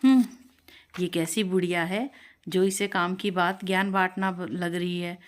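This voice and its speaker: A woman's voice: lowish voice, fairly even intonation, measured pace, lightly acted. Woman doing a blunt male shopkeeper. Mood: musing.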